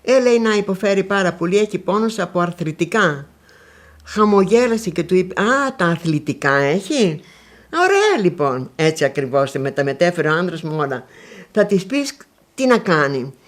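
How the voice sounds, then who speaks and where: Elderly woman telling old stories. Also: on the low side. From Konitsa area, northwestern Greece. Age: older. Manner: lively storytelling, acting out remembered dialogues. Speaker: interviewee. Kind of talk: recounting memories.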